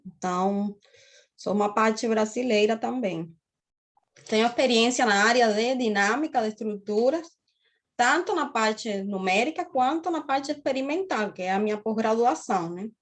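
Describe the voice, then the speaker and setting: A woman in her thirties from Cuba with a Cuban accent, giving a university lecture on a video call and explaining steadily, often checking in with her students. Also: fairly high pitch. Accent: Cuban Spanish. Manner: explanatory, often tags phrases with "né?". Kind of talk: online class lecture.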